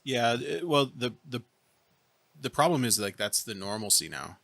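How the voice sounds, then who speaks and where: A man's voice: medium pitch, very animated, normal speed, vocal fry, fairly bright tone, no room sound. A man in casual discussion, explaining his point emphatically and checking that listeners follow.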